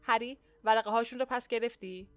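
Brisk, commanding male village official in a storybook, voiced by a woman. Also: a little high, dry recording, soft background music, lightly acted.

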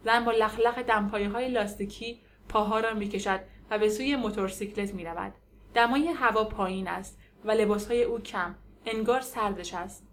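A woman narrating an audiobook in a measured, descriptive way. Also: medium pitch, a little hiss or hum. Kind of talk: scripted narration.

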